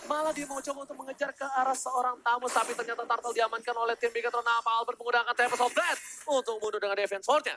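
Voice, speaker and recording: Rapid-fire Indonesian esports announcer, dramatic play-by-play. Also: mid-range voice, steady tone, pushed and bright, slight background noise. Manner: dramatic, hype-building calls with English catchphrases. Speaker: esports commentator. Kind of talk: excited fighting game announcer style play-by-play of a live match.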